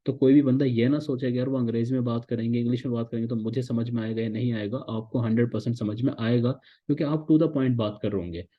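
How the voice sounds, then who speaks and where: A man from Pakistan leads an online class for interns in a plain mid-pitched voice. He explains patiently and keeps checking in with his listeners. The recording is dull and lo-fi. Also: fairly even intonation, fast talker. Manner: explains patiently, repeats "ठीक है" often, mixes English phrases. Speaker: instructor teaching interns. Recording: dull lo-fi sound.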